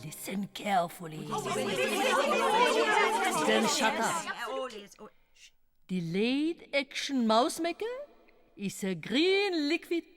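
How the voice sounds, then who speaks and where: A woman's voice: high-pitched, in a large hall, exaggerated voice. A woman playing a cruel, gleeful, short-tempered witch leader in a dramatized audiobook, with foreign-accented English and a theatrical, commanding manner. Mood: impatient, commanding. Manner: theatrical, commanding, drawn-out relish. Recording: music behind the voice.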